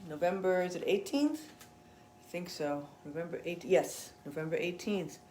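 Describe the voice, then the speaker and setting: A woman yoga instructor guiding a gentle stretch session, chatty and encouraging between breathing cues. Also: fairly low pitch, moderate pace, reverberant, a little hiss or hum.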